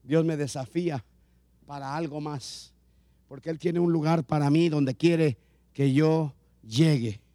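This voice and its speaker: A man's voice: fairly high pitch, a little slow, warm tone, no echo, studio quality. A man pastor preaching a sermon, repeating phrases and rising in emphasis as he addresses his congregation.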